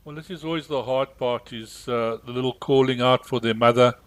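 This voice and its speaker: A man calmly narrating an animal sanctuary video in a gentle, explaining way with frequent ums. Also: medium pitch, a little fast, no echo, rough recording. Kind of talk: voice-over narration of a wildlife rescue video.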